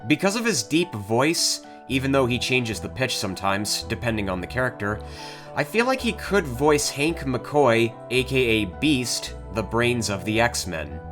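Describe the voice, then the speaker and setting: A man delivers scripted narration for a video. His pitch is average, with soft plucked guitar behind him. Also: sing-song, unhurried. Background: guitar music.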